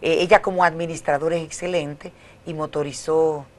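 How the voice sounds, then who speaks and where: Woman, middle-aged, Dominican Caribbean accent, lowish pitch, academic interview guest, conversational explaining. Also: steady tone, fairly quick. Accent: Dominican Spanish.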